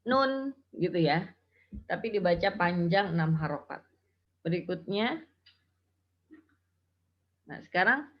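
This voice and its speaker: Slow patient woman tajwid teacher. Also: on the low side. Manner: slow, patient explaining with chanted example recitations. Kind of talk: Quran recitation lesson. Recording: dull lo-fi audio.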